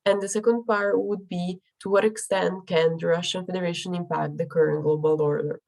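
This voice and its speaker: A young woman presents her research in an academic talk, her somewhat low, gravelly, slightly mellow voice affected by a cold. She keeps a steady tone and talks a little fast, yet speaks carefully, with frequent ums and restarts.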